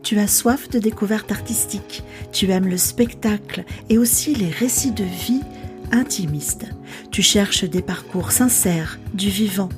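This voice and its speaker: A woman's voice: medium pitch, unhurried, over music. A woman hosting an arts podcast and interviewing a guest, speaking in a welcoming, direct way to the listener. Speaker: podcast host and cultural mediator. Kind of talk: scripted podcast intro and interview. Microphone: video call.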